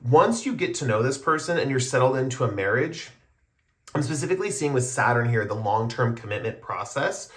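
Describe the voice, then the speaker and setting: A man's voice: medium pitch, animated, fairly quick, fairly bright tone. A man doing a casual pick-a-card tarot reading, explaining his cards to viewers in a meandering, conversational way. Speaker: tarot reader.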